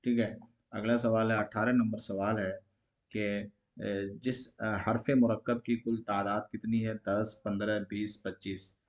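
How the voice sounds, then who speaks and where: A man's voice: on the low side, little pitch movement, measured pace. A man teaching an exam-prep grammar lesson, asking each question aloud and answering it himself in a repetitive call-and-response way.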